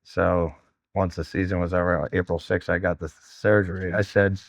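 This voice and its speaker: A high school wrestling coach in his fifties from New Jersey, United States, talks candidly and casually in an interview, with an old-school manner. His deep voice shows little pitch movement at normal speed. The studio sound is clean, with no echo.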